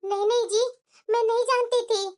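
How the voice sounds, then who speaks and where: Cartoon: a naive, eager young bride, meek and polite, extremely high-pitched. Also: female voice, fairly even intonation, moderate pace. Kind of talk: cartoon voice acting.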